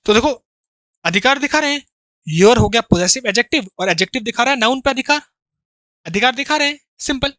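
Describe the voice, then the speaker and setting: Bright, dry-voiced man teaching grammar. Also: very high-pitched, lively intonation, a little fast, no room sound. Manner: explains through rhetorical questions and repetition; addresses students familiarly as brother, plays out their questions. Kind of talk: exam-prep grammar lesson.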